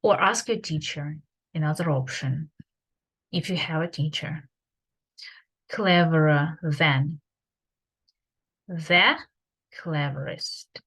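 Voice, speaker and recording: Slow, deliberate woman teaching grammar. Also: low voice, fairly bright tone, breathy edge. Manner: slow, deliberate explanations with many fillers. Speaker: English teacher. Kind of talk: online grammar lesson. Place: home.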